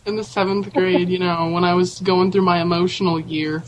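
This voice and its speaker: A woman's voice: fairly low pitch, flat delivery, moderate pace, lo-fi sound, a little hiss or hum. A teenage girl guesting on a casual podcast with friends, telling stories in a chatty way. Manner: chatty, storytelling. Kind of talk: casual chat among friends.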